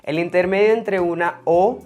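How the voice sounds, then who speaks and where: A teacher giving an online language lesson, explaining patiently, repeating example sounds slowly and addressing viewers directly with quiz questions. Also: medium pitch, steady tone, darkish tone. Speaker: French teacher.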